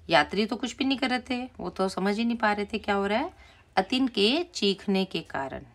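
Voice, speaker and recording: A woman teacher slowly and patiently explaining a primary school Hindi lesson, repeating key words for the children. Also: medium pitch, a bit bright.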